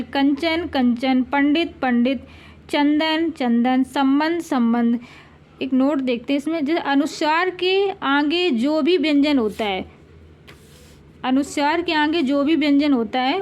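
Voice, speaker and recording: A woman teaching a grammar lesson for exam preparation, repeating each sound and word slowly for her pupils. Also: high voice. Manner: slow, drawn-out repetition of sounds and words for pupils.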